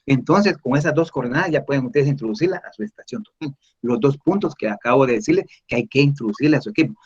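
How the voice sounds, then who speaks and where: A man teaching surveying in an online class, explaining slowly and patiently over a video call. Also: mid-range voice, expressive, husky, lo-fi sound. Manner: slow, explanatory, addresses listeners as "mis estimados". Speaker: surveying instructor answering questions.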